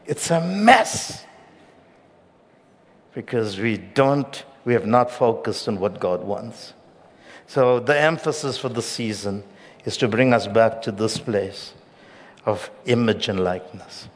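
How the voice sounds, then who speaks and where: A middle-aged man preaching a sermon as pastor, with emphatic loud peaks and hushed drops. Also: on the low side, measured pace. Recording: long reverb of a large hall.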